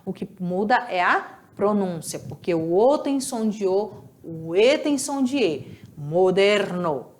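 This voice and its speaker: A woman's voice: mid-range voice, animated. A woman teacher with a Brazilian Portuguese accent, giving a recorded Spanish lesson and carefully over-pronouncing each example word. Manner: slow, over-articulated model words in Spanish; explanatory, checks in with "tá bom?".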